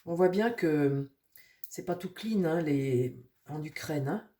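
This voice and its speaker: A woman with a cold who talks through her nose, rambling casually with many fillers while reading tarot for her viewers and speaking softly to her cards. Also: low-pitched, expressive, takes it slowly. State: nasal from a cold. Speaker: tarot reader.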